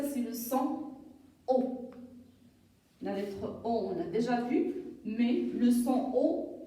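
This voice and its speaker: Woman teacher for small children, slow and careful, mellow voice, echoey room, mic set far off. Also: on the high side. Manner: slow, syllable-by-syllable, repeats words, many d'accord. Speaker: primary school teacher. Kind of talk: slow classroom lesson for young children.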